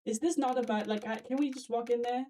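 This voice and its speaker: Mellow-voiced woman, wry let's-play commentary, mic a bit far off. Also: a little high, fairly even intonation, fast, a little hiss or hum. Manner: chatty, wry asides with restarts. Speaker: co-host streamer. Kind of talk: let's-play commentary, reading game text aloud. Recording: slightly distant mic with faint game music.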